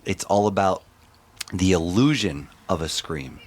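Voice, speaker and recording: A middle-aged man, a screaming vocalist, telling stories in a casual, animated interview with many restarts. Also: low voice, unhurried, a little hiss or hum. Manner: rambling, animated storytelling with restarts.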